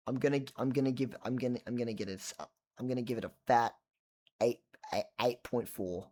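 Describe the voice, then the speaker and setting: A man's voice: medium pitch, steady tone, fairly quick, warm tone. A tired man rambling casually about an album late at night at home, swearing now and then and trailing off into mumbles. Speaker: vlogger reviewing a record.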